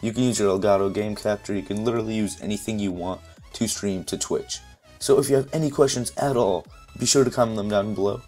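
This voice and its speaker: A hoarse man with a fairly low voice gives a relaxed, step-by-step screen-recording tutorial, his voice fading after losing it. He talks casually into a desktop mic, with faint music playing underneath. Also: fast. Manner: relaxed, step-by-step, leans on "essentially" and "uh". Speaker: tutorial youtuber.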